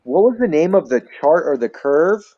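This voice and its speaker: A man's voice: on the high side, animated, moderate pace, warm tone, highs cut off. Casual male livestream host. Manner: casual, reads viewer comments aloud.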